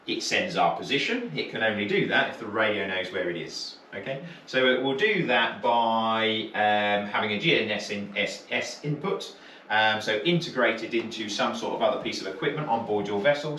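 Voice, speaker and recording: A British man with a low, somewhat bright voice instructs a marine radio course in an indoor training room. His style is informal, moving step by step and asking brief questions to check comprehension. The audio sounds roomy, with a distant microphone and faint noise.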